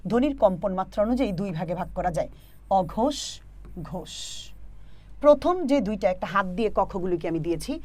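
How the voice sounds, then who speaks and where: A woman teacher from Bangladesh, giving an online exam-prep lesson. She talks patiently, sounds out letters slowly and keeps checking that students follow. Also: medium pitch, expressive, dark tone, no room sound.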